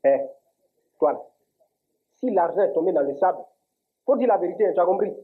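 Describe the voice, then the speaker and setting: A man's voice: high voice, lively intonation, brisk. A man with an Ivorian French accent playing a stubborn shopkeeper in a comedy sketch, defensive. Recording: tinny lo-fi audio.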